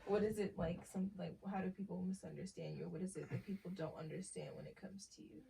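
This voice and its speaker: A woman interviewer asking relaxed, curious questions in a casual chat. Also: on the low side, quick pace, creaky, slight background noise. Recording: voice from a distance off the mic.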